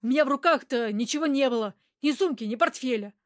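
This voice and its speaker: Woman reader doing a coarse, yelling man in hiding, defensive and hot-headed, pitched fairly high for a man, for an audiobook. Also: fast, no echo, clean studio sound, lightly acted. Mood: gruff. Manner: shouting, coarse street talk. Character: rough, hot-tempered hunted man, loud and defensive.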